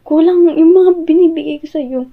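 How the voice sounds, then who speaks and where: Casting: actress as jealous, wounded young-love girlfriend, Filipino accent, high female voice, halting pleading delivery, audio role-play, thin phone-like sound. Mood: pleading, insecure. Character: hurt jealous girlfriend confronting partner who came home late.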